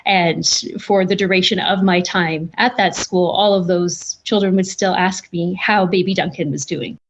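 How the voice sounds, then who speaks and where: A woman's voice: fairly low pitch, fairly even intonation, normal speed, a little hiss or hum. A woman who is an educator and a parent, giving earnest, reflective interview answers. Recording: dull lo-fi sound.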